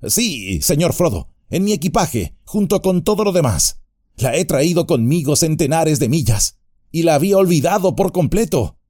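A man voicing a loyal young male hobbit servant, earnest and excitable. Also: a little high, moderate pace, no room sound, clean studio sound, voice pushed up. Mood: sheepish. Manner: excitable, self-scolding.

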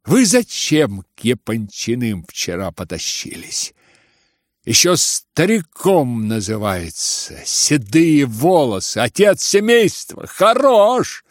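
A man's voice: medium pitch, huge pitch swings, takes it slowly, no echo, studio quality. A man reading an audiobook and voicing a furious young son who lashes back with bitter sneers.

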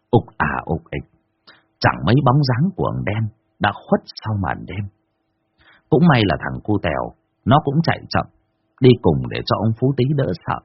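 A low, husky male voice telling a horror tale, his pitch rising and dipping dramatically from line to line. The recording sounds dry and somewhat dull. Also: dry recording. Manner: lively expressive telling. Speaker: storyteller. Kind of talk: dramatic horror story narration.

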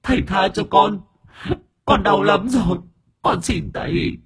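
A man's voice: sits high, measured pace, vocal fry, a bit bright, slightly rough, voice pushed up, heavily acted. A man voicing a cowardly clown demon who stammers and whines in a pleading way. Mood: whimpering plea.

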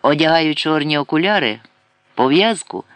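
A man's voice: a little high, expressive, normal speed, a bit bright, clean tone, no room sound, pitched above the performer's own voice. A man reading an audiobook voices a coarse middle-aged man who teases and flirts crudely. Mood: brash teasing. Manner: brash, teasing and crude.

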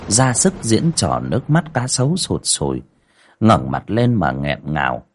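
A man's voice: low-pitched, a little slow, slight background noise. A man hosting a livestream, reading a village ghost story aloud with dramatic storytelling. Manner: dramatic storytelling with lively rises and falls.

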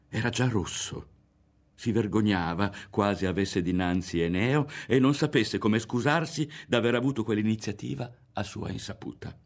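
A man reading a literary novel aloud in a measured, expressive way. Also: on the low side. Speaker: audiobook reader. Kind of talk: literary audiobook narration.

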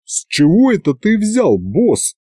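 A man's voice: high-pitched, huge pitch swings, measured pace, warm tone, breathy edge, no echo, clean studio sound, voice pushed up, exaggerated voice. A man voicing a cocky male imp who plays at being tsar, talking in swaggering street slang.

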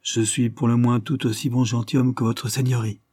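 A man voicing a proud young gentleman who is accused of a crime and answers in a calm, measured way, in an audiobook reading. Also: mid-range voice, husky, no room sound, studio quality, lightly acted.

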